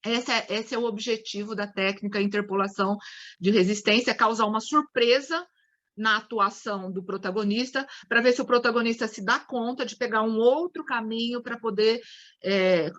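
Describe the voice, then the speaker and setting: A woman's voice: on the high side, normal speed, fairly bright tone, highs cut off. A Brazilian woman lecturing a study group on psychodrama, explaining with acted-out examples and frequent restarts. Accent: Brazilian Portuguese.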